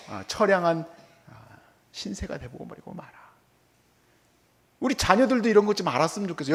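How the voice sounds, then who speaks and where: A middle-aged male pastor giving a conversational, animated sermon in a church, often acting out quoted remarks. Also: high-pitched. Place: church hall.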